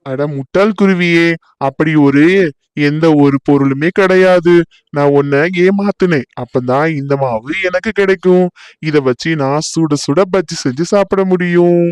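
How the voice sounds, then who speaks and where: A man's voice: a little high, measured pace, smooth, no room sound, natural voice. A man voicing a sly, greedy young male crow in a cartoon, mocking the other birds. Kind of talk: cartoon voice acting.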